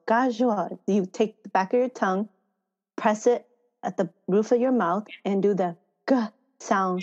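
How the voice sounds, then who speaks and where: Woman guest chatting easy, laughs a lot, kinda dull lo-fi sound. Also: mid-range voice. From Thailand. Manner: laughs often, relaxed storytelling with fillers. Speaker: farmer education manager. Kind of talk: casual interview conversation.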